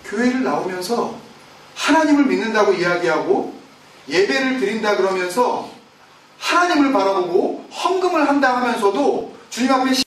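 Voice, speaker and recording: A man's voice: lively intonation, normal speed, fairly bright tone, a little hiss or hum. Man preaching in an echoey church. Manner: preaching with rhetorical questions to the congregation; acts out quoted complaints with raised pitch. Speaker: pastor. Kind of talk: sermon. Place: church sanctuary. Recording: very echoey room, voice from a distance.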